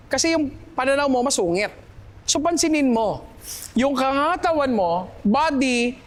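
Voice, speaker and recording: A male communication coach giving a lively seminar talk, questioning the audience and switching between Tagalog and English. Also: very high voice. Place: hall with a live audience. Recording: long hall reverb, faint room noise.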